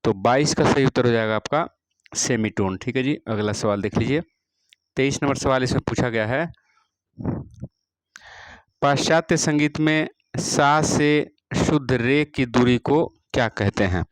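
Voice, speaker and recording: A man teaching music, reading out practice exam questions and their answers one by one, repeating each question and adding a steady "all right" after each answer. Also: mid-range voice, measured pace, long pauses, no echo, low-quality recording. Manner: repeats each question, fills with "theek hai ji".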